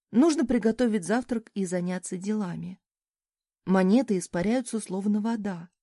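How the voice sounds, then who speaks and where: A woman narrating a first-person audiobook in a lively, expressive reading. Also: medium pitch, no room sound, studio quality.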